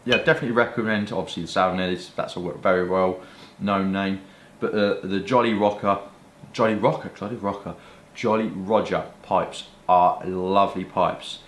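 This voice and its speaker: A man's voice: sits low, steady tone, moderate pace. A British man chatting casually to camera in a rambling, colloquial way, like a hobby vlogger. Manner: rambling, colloquial, mild swearing. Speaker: pipe-smoking vlogger showing pipes and tobacco. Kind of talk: casual product chat to camera. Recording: roomy echo with faint background noise.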